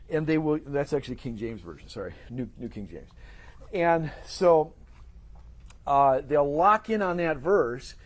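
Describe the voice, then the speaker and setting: A man teaching a Bible study class, talking off the cuff with many restarts and fillers. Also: medium pitch.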